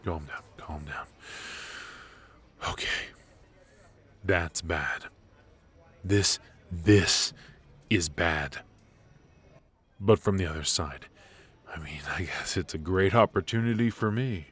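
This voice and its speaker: A male voice actor gives a full character voice as a ruthless, suave mafia boss in an intimate noir roleplay, very low-pitched yet fairly bright in tone. Smooth, teasing and menacing, agitated and calculating, he takes his time, pausing between short phrases.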